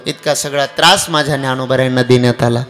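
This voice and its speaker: A young man preaching a devotional kirtan sermon, chanting refrains and swinging from quiet asides to shouted climaxes. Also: medium pitch, fairly even intonation, fast, heavy background noise. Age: young adult.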